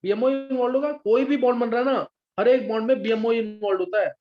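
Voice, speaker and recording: A man with a high voice teaches a chemistry class, walking through structures patiently and pausing again and again to ask if the students understand. The recording sounds dull and lo-fi. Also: fairly even intonation. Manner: patient, checks understanding often. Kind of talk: live online class teaching.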